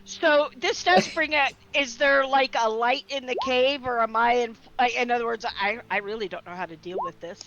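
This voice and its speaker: A woman's voice: fairly high pitch, normal speed, few pauses, a bit bright. A woman playing a tabletop game, chatting casually in a hesitant, rambling way. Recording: dull lo-fi audio, faint music.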